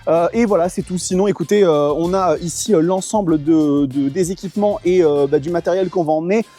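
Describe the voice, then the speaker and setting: Young male moto vlogger, higher pitch, mellow tone, relaxed rambling delivery with soft music behind. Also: fairly quick. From Portugal. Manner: chatty, lots of fillers and thanks to sponsors. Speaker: motorcycle vlogger. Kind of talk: casual moto vlog.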